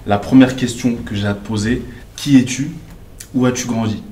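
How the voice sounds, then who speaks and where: A man interviewing a guest, asking questions in a relaxed, informal way. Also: mid-range voice, normal speed, roomy sound, slight background noise. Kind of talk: casual conversational interview.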